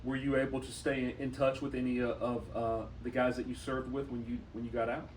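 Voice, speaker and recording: A man interviewing someone, asking gentle, conversational questions. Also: mid-range voice, flat delivery, fast. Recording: roomy echo, distant mic, faint noise.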